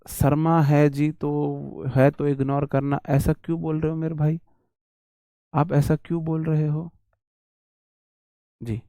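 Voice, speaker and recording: A man from India runs a casual vocabulary lesson, talking chattily to his students and repeating key phrases. His voice sits a little high. The sound is dry and close. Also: mellow, no room sound. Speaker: English teacher.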